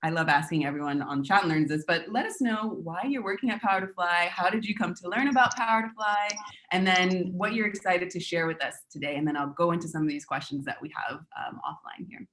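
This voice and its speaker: A woman hosts an online talk over a video call. Her voice sits fairly low, and she chats in an upbeat way with many fillers. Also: brisk, fairly bright tone. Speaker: webinar host. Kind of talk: casual video call chat.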